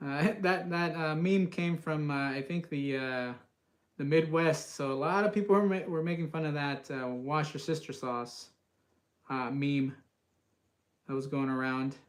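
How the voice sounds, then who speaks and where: A man's voice: a little high, normal speed. A man from the US West Coast hosting a live cast iron cooking stream, chatting casually and reading out viewer comments with many uhs. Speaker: cooking channel host.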